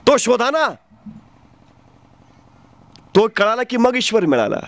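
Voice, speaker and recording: A man's voice: very high-pitched, very animated, slow, vocal fry, a little hiss or hum. A man giving a fervent motivational speech, telling stories and asking rhetorical questions. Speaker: motivational speaker.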